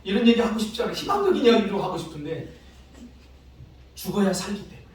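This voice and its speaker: A male pastor preaching a sermon, telling stories with emotional swings between soft and loud. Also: very animated, fast talker. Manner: emotional storytelling with dramatic swings in pitch and loudness. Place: church sanctuary. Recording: echoey church hall, distant mic.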